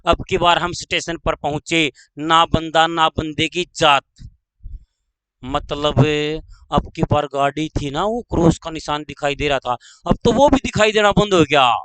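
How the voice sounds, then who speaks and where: A man's voice: a little high, fairly bright tone, clean tone, dry recording, low-quality recording. A man teaching a grammar lesson online, drawing out his words, repeating phrases and quizzing his pupils. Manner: slow, drawn-out, repeats phrases and asks pupils questions.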